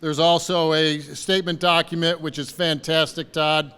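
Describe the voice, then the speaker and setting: A man's voice: fairly high pitch, flat delivery, normal speed, bright, forceful tone, clear, resonant tone, long reverb tail. A man giving a fundraiser speech at a lakeside party, rallying the crowd with repeated calls to commit. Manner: rousing, repetitive rallying calls. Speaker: fundraising campaign speaker. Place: party venue by a lake.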